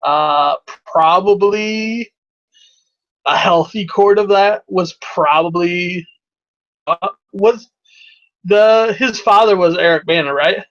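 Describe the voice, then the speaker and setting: A high-voiced man chats casually about films as a podcast host, rambling and hesitant, with frequent laughs. The recording sounds dull and lo-fi. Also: takes it slowly, fairly bright tone. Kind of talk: casual movie review chat.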